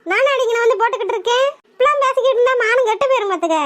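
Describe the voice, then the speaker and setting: A woman playing a prickly older village woman in a cartoon, indignant and arguing back in a Kanyakumari Tamil accent. The voice sits very high. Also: racing.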